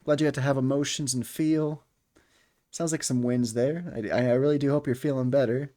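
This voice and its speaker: A man's voice: mid-range voice, steady tone, dark tone. A man streaming a game and chatting with viewers, friendly and stammering, with game music behind. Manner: stammering, friendly, drawn-out phrases. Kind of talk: casual game stream chat.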